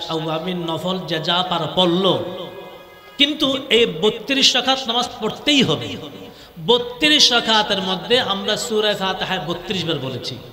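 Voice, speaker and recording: A man's voice: high-pitched, sharp tone. A man preaching a Bengali sermon, drawing the audience into call-and-response with rhythmic repeated phrases. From Bangladesh. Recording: echoey hall with long reverb.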